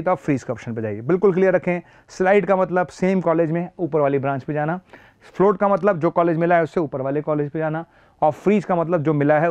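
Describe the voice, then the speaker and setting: This explanatory lesson features a man with a sore throat who explains an admissions process as a teacher, emphatically repeating the main points and mixing in phrases. His voice is slightly high, darkish, clear, and resonant, with no room sound.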